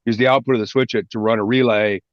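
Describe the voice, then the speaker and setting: A man's voice: medium pitch, fairly even intonation, fast, no echo. A man hosting a hobby meetup, chatting casually on a video call and telling stories with frequent restarts. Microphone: video call microphone. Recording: dull lo-fi dry call audio.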